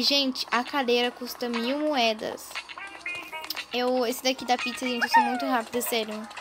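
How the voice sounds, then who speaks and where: A high, chatty female voice running through casual gameplay commentary, excitable and always turning to her viewers. She records without her usual microphone, over loud game music behind her. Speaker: gaming channel host.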